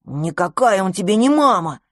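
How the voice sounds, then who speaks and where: A woman's voice: mid-range voice, very animated, normal speed, dry recording. Woman voicing a grumbling boy mouse, jealous, fretful, dry close sound.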